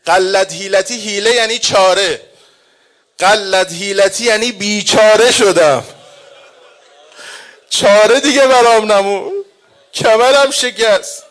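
A man preaching a mourning sermon, chanting the lament slowly and drawn-out, swinging between hushed and loud. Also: high-pitched. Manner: slow, drawn-out delivery.

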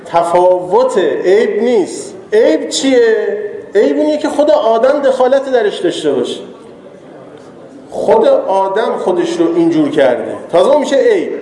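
A man with a high, mellow voice preaches in a relaxed, chatty way, joking with his audience and rising into emphasis. The sound is roomy, with a long hall reverb trailing each phrase. He sounds like he is addressing a gathered crowd in a large space. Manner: conversational, teasing, banters with the audience. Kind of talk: informal sermon.

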